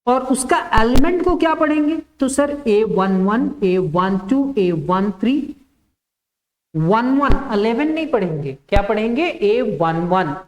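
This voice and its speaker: Slow, patient woman teaching maths. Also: on the high side, big pitch swings, darkish tone. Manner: asks the class questions and answers them herself, repeating key terms; slow, step-by-step dictation. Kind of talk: classroom maths lesson.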